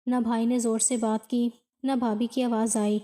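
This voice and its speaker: A woman narrating a moral story in a scripted, even way, without fillers. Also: on the high side.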